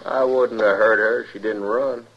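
An actor playing a cocky, callous American gambler outlaw in a radio western, with folksy frontier talk and a gravelly voice. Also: male voice, fairly low pitch, fairly even intonation, normal speed, natural voice. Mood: sly, callous. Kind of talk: old-time radio western acting. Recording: noisy, dull old radio recording.

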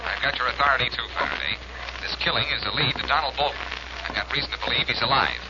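An actor playing a quick-witted, insistent amateur detective in a 1940s radio crime drama. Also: male voice, mid-range voice, animated, close to an everyday voice. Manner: insistent, earnest. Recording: dull old radio recording, faint noise.

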